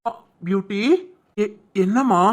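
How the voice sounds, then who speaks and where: A voice actor playing a caring young husband in a cartoon, who gently teases and coaxes his wife. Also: medium pitch, takes it slowly, lightly acted. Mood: tender, reassuring. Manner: gently teasing, coaxing. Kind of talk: cartoon voice acting.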